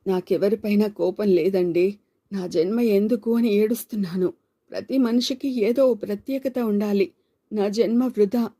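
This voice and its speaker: A gentle young wife from a storybook, soft-spoken and plain, voiced by a woman reading aloud. Her warm, mellow tone stays modest and quiet. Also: fairly low pitch, fairly even intonation, normal speed, close to an everyday voice. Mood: tearful.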